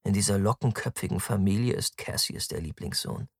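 Gravelly low-voiced male audiobook narrator. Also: fairly quick, dry recording, clean studio sound. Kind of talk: scripted first-person narration.

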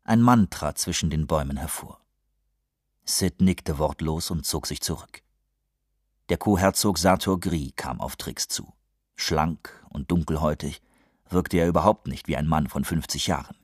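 Male narrator, low and husky, dry studio read, measured storytelling. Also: dry recording. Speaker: audiobook narrator. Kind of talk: scripted audiobook narration. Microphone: close studio mic.

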